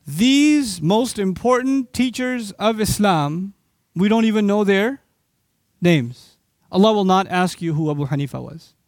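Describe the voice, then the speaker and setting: A man's voice: sits high, lively intonation, measured pace, darkish tone, no room sound, clean studio sound. A man from Pakistan giving an impassioned sermon, often putting rhetorical questions to his audience. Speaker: Islamic preacher.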